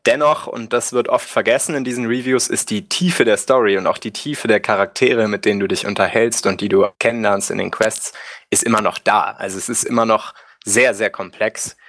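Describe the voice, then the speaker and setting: A man's voice: fairly low pitch, fairly even intonation, fairly quick, a bit bright, no echo, clean studio sound. A man hosting a casual gaming podcast, rambling with many fillers and asking his co-hosts for their views.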